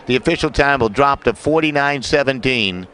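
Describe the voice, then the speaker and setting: A man's voice: medium pitch, normal speed, a bit bright. A man giving live sports commentary as the announcer of a track and field broadcast. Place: outdoor stadium. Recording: faint background noise outdoors. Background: faint outdoor noise.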